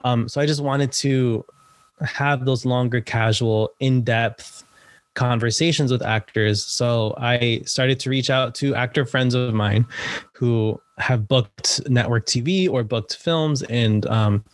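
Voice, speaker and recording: In a relaxed interview, a young actor and writer from the United States, of Salvadoran family, chats and laughs frequently with many fillers. He takes it slowly in a mid-range voice, recorded without echo.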